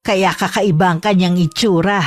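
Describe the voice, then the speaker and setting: A woman voicing a secretive old grandmother who speaks calmly and politely, with faint music behind. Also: on the low side, moderate pace, lightly acted. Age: older. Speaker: customer.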